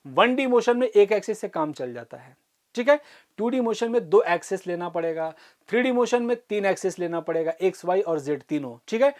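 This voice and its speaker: A woman teaching an online physics class for exam students. She explains step by step, slows down to dictate formulas, and keeps checking that students follow. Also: medium pitch, lively intonation, a little mellow. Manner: explains step by step, often asks "ठीक है?" to check understanding.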